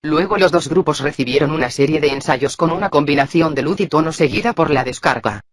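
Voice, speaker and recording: A man reading a psychology lesson aloud in a steady scripted way, sounding out abbreviations letter by letter. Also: on the high side, brisk, crowd noise. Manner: even, flat reading that voices abbreviations letter by letter. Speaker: textbook reader.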